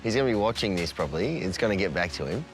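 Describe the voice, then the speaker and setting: A man's voice: low voice, lively intonation, rapid-fire, low-quality recording. A man with an Australian accent, talking casually as if in an interview. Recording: music behind the voice.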